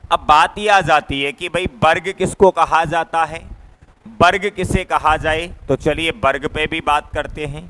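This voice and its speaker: A man's voice: a little high, fairly bright tone, clean tone. A male teacher from Rajasthan giving a classroom grammar lecture, patiently drilling letter sounds one by one and repeating his points while he writes on a board. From Rajasthan, India.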